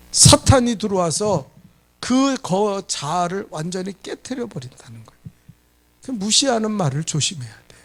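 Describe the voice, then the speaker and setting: A middle-aged man preaching a sermon as pastor, animated, putting questions to his congregation. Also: sits high. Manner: animated preaching, asks the congregation questions and acts out quoted scolding.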